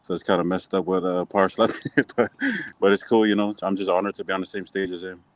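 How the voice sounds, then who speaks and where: A young man from Hawaii answering interview questions casually in a calm, nonchalant, understated way. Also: low-pitched, fast, no echo. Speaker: slap fighting athlete being interviewed.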